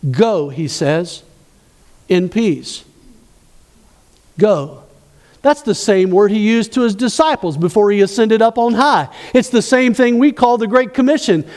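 A man's voice: high-pitched, measured pace, pauses often, darkish tone, long reverb tail. A man preaching a sermon as pastor, asking the congregation questions as he goes.

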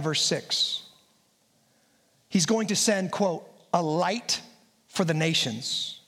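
High-voiced preacher in an echoing hall. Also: male voice, a bit bright. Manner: emphatic, repeats phrases in lists for weight. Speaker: pastor. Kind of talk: sermon. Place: church sanctuary. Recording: long reverb of a church hall.

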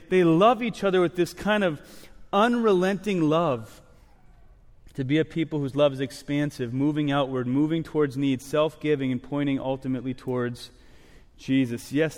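Earnest preaching man in a reverberant church. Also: fairly high pitch. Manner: earnest, builds to raised animated passages, many "right?" asides. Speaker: pastor. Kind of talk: sermon. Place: church sanctuary. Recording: long hall reverb.

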